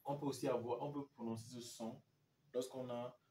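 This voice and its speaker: A man teaching English pronunciation, saying each example word slowly and then saying it again. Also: medium pitch, steady tone, warm tone, a little hiss or hum. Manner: slow, repeats each example word twice. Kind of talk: pronunciation lesson. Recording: echoey room, mic at a distance.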